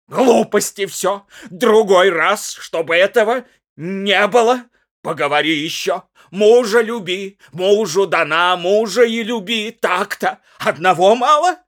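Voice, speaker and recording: A man reading aloud, voicing a slightly drunk, jealous husband who shouts and berates his young wife in high, strained yells. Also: animated, extremely slow, no room sound, studio quality, heavily acted. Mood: bellowing. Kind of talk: dramatic audiobook reading.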